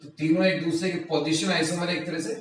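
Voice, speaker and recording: A man's voice: fairly high pitch, little pitch movement, fast talker. A man teaching a chemistry lesson, repeating key terms and asking himself rhetorical questions, recorded in a room from a distance. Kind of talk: classroom lecture. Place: classroom or coaching room. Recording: very echoey room, mic at a distance, faint noise.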